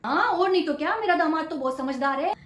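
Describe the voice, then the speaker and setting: A woman's voice: high voice, lively intonation, fast. A woman playing a stern, traditional middle-aged mother-in-law who scolds and lays down the household rules in a comedy skit. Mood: boastful. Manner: bossy, scolding. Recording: echoey room.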